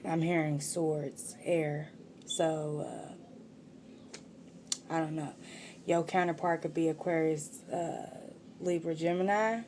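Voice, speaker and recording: A woman's voice: deep voice, fairly even intonation, slow pace, pauses often, a little mellow, slight background noise. A woman giving a casual tarot reading, talking straight to the viewer in slangy, profane street talk. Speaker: tarot reader.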